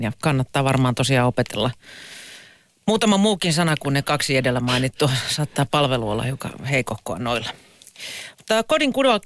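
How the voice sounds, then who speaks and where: Lively male press review reader. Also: medium pitch, no echo. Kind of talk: reading newspaper excerpts on radio.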